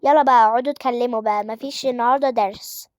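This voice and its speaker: A woman playing a new schoolteacher with an Egyptian accent, friendly at first but quick to lay down the law, in a voiced game role-play story. The voice sits high and moves along at a brisk clip. It is recorded close and dry. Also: fairly even intonation, no room sound, lightly acted. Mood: friendly, firm. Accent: Egyptian Arabic. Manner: warm greetings with firm warnings.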